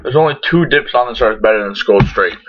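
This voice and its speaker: Talking casually to camera about a tobacco product, this low-voiced young adult man is laid-back, profane, and rambling, with a lip full of dip in his mouth. He sounds expressive and fairly quick. The dull lo-fi audio comes from a computer webcam at arm's length in a small indoor bedroom, with background noise.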